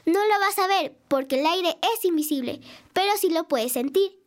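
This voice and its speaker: A woman's voice: extremely high pitch, animated, moderate pace. A woman hosting a children's educational show, cheerful and sing-song, talking directly to children at home and telling them a story.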